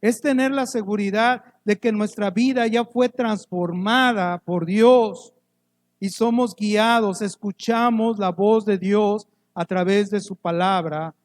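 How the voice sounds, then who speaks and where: A man preaching a sermon as pastor, swinging from loud emphatic rises to soft quiet drops, asking the congregation questions, with touches of humor. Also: high voice, takes it slowly. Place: church.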